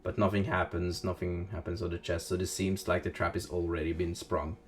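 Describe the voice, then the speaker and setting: A man's voice: deep voice, level tone, a little fast, a little hiss or hum. A man narrating as game master of a tabletop game, hesitant with many fillers, with music playing behind.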